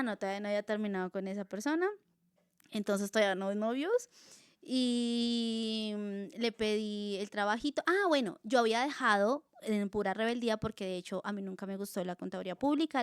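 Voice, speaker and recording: A young woman with a Colombian accent, a guest telling her personal faith testimony in casual, animated storytelling, acting out her own past dialogue with many fillers. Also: medium pitch, clear, resonant tone, dry recording, studio quality.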